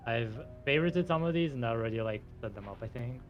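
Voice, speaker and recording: A man in casual chat on a voice call, relaxed and offhand while adjusting his audio settings. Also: medium pitch, quick pace, highs cut off, soft background music. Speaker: friend on a voice call.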